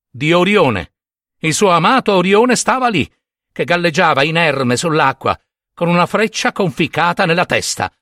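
Brief: male storyteller, dramatic scripted myth reading, animated intonation, dry close recording. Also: on the high side, dry recording.

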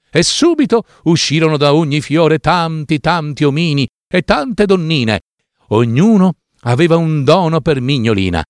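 A man reading a fairy tale aloud as narrator, expressive and drawn out. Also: fairly high pitch, dry recording, studio quality. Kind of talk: storybook reading.

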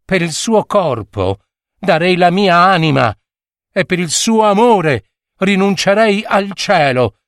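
A man's voice: high voice, big pitch swings, a bit bright, no room sound, studio quality, pitched above the performer's own voice, exaggerated voice. A man playing a desperate young fisherman. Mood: pleading. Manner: urgent, pleading, hurried.

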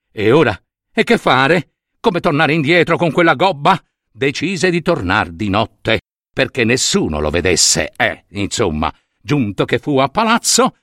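A man telling a fairy tale, animated and talking to his listeners with little asides. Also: medium pitch, no echo, studio quality. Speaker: storyteller.

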